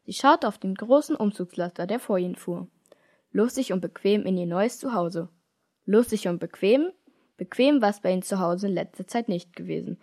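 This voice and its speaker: Brief: woman from Germany, reads her own kids' story, lively, plays the characters. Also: mid-range voice, a little fast, creaky. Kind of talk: reading a children's story aloud.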